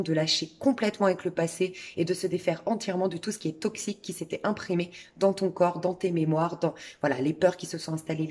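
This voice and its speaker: A middle-aged woman giving a spoken tarot and crystal reading, talking calmly and directly to the listener with many fillers. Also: on the low side. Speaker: tarot reader.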